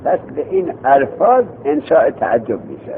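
A man's voice: mid-range voice, wildly swooping pitch, a little hiss or hum. A man teaching a seminary grammar lesson, quizzing his students and repeating their answers back to them. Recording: tinny phone-like lo-fi recording.

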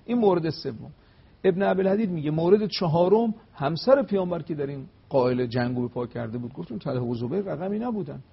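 A man, a religious scholar on a talk show, telling religious history in an emphatic, storytelling way, slowing to recite Arabic phrases. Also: on the high side, animated, vocal fry, slightly rough, lo-fi sound. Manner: emphatic, rising to stressed peaks, slows to recite Arabic.

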